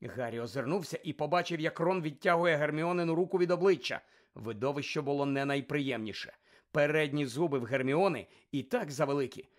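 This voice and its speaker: A man narrating an audiobook with lively, expressive delivery. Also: a little high.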